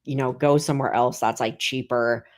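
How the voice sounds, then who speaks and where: Low-voiced woman in her thirties, chatty. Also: steady tone, normal speed. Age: 30s. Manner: rambling, heavy filler "like". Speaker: guest comedian. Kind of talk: casual chat.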